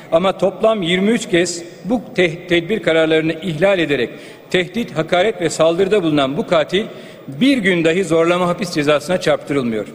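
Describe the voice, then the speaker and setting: A man, a member of parliament, giving a formal and earnest speech at a rostrum microphone in a large chamber. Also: high-pitched. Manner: earnest, grave, listing figures and names. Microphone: speaking at a rostrum microphone. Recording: long reverb of a large hall.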